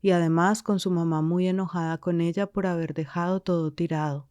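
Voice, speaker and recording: Low, mellow female narrator. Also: fairly even intonation, a little fast, clean tone, no echo. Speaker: podcast narrator. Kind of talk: scripted narration.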